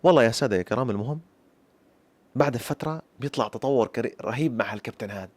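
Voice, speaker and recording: A man in his twenties with a Syrian accent, telling a true childhood story in the lively manner of a folk storyteller who keeps addressing his listeners. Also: mid-range voice, rapid-fire, dry recording. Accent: Syrian Arabic. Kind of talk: personal story told to camera.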